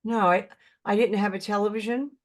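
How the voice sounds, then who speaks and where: In a casual interview chat, an older actress guest from Brooklyn, New York, speaks in a steady, mid-range voice with a plainly conversational tone. Earnest and halting, she circles back over her words, repeating and restarting as she reaches for her meaning.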